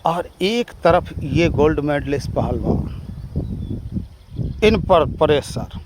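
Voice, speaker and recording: A man's voice: on the high side, animated, takes it slowly, background noise. A man delivering an impassioned, indignant political monologue, full of rhetorical questions and long lists. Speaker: political commentator.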